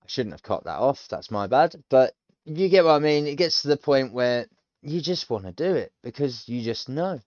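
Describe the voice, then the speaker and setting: In a casual think-aloud stream, a man from the United Kingdom in his thirties chats and rambles through a language course, often poking fun at himself. He speaks at medium pitch, animated and at a moderate pace, with a slightly mellow tone. The recording is dry and lacks highs.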